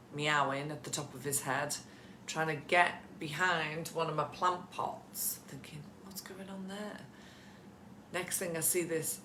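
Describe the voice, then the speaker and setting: A woman coaches business owners in a relaxed live session from her home, chatty and encouraging as she calls out viewers by name. Her voice is sharp and bright. The room gives it a noticeable echo, with a faint hum of background noise underneath. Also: low-pitched. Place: at home with pets nearby.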